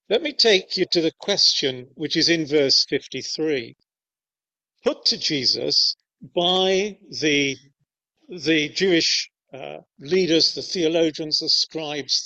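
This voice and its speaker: Slow, deliberate preacher. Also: male voice, fairly high pitch, pushed and bright. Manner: measured, deliberate delivery with pauses. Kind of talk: sermon. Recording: dull lo-fi recording.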